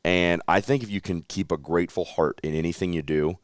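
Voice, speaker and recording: Earnest deep-voiced man talking candidly. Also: brisk, no echo, studio quality. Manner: earnest, reflective, animated when telling stories. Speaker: racing announcer, podcast guest. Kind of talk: candid interview chat.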